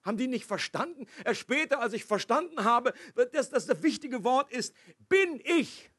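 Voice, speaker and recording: High, husky male preacher. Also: expressive, normal speed, fairly bright tone, dry recording, studio quality. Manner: conversational, explaining scripture with asides and restarts. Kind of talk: sermon.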